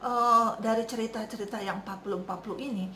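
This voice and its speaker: Woman Bible teacher, chatty and informal with children, slightly high voice, echoey room recording. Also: fairly even intonation, fast talker, sharp tone, a little hiss or hum. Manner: chatty, repeats "ya" and "begitu ya" often, laughs. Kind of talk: casual Bible lesson for children.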